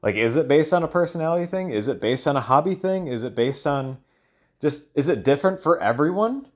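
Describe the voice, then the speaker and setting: A man records a solo audio log, thinking aloud in a loose monologue. His voice sits on the high side, animated and a little fast, and he often hesitates or trails off while hunting for words.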